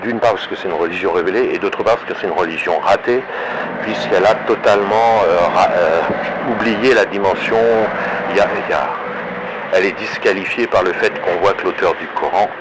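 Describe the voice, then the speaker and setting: A man giving an unscripted opinionated monologue through a voice changer, halting and often correcting himself. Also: noisy background. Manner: halting, frequent self-corrections and repetitions. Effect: pitch-lowering voice changer. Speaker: online video commentator.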